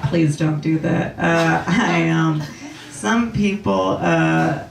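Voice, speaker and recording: A young female stand-up comedian performs a deadpan set in a low, creaky voice, slow and hesitant, with plenty of ums. She's on a comedy club stage with a laughing audience, and the roomy, distant club recording has a noisy background.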